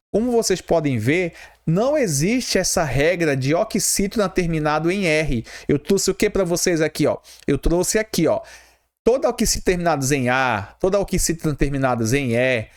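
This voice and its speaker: A man teaching an exam-prep grammar lesson, often slowing down to spell out letters and checking in with a quick question. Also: on the high side. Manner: spells out letters slowly, repeats "tá bom?" and "ó".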